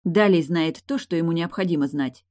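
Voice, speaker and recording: A woman voicing a furious, sharp-tongued woman on prosthetic legs who shouts and snaps, in an audiobook. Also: lowish voice, normal speed, no echo, clean studio sound, natural voice. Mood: curt. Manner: shouting, snapping.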